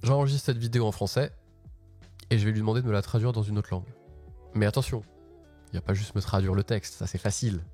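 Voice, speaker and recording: A man's voice: lowish voice, steady tone, quick pace, pauses often, warm tone, soft background music. A man hosting a casual live tech walkthrough from his office, chatty and slangy, often restarting his sentences. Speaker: host.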